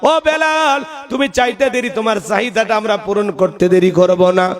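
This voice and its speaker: A man's voice: high-pitched, fairly even intonation, normal speed, a crowd in the background. A man voicing a cruel, mocking male tyrant in a sermon story, taunting and coaxing.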